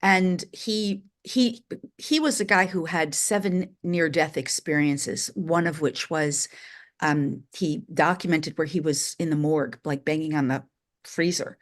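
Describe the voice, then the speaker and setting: A woman's voice: low voice, steady tone, measured pace. A middle-aged woman from New York, a spiritual teacher telling her life story candidly and with animation in an interview.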